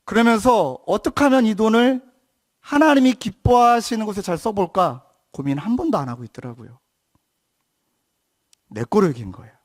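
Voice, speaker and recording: A man in his thirties, a pastor, preaching a sermon as a story and dropping to a soft hushed voice when he quotes others. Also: high-pitched, animated, normal speed.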